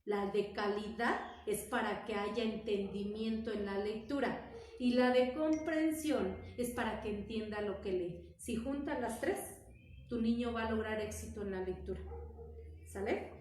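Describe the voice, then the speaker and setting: A woman's voice: mid-range voice, a little slow, darkish tone, a little hiss or hum. A woman teacher, patiently explaining reading methods to parents and often checking in with "¿sale?". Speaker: primary school teacher. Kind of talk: teaching parents in an informal talk. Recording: echoey room, far from the mic.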